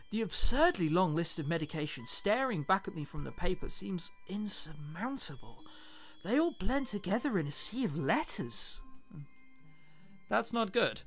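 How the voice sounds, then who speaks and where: Reading a visual novel aloud for his let's play, a British host with a high-pitched, slightly bright voice drops in chatty jokes between the passages he reads.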